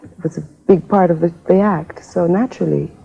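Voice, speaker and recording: Low-voiced woman from Jamaica, old TV tape. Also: fairly even intonation, brisk, gravelly. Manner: chatty, self-mocking, many fillers. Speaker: singer, interview guest. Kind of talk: casual interview storytelling. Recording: dull lo-fi 1980s TV tape.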